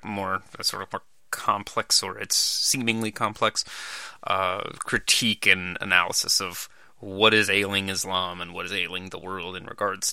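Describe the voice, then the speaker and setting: Low, bright-toned male podcast host. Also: vocal fry, no room sound. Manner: loose, rambling, many fillers and restarts. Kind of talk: casual solo commentary.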